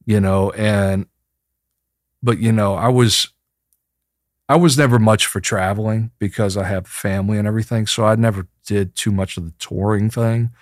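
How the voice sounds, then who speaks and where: A man with a low voice answers in a casual interview. He speaks in a reflective, colloquial, slightly rambling way, recorded dry. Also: steady tone, normal speed, dry recording. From New Orleans, USA. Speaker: interview guest, musician.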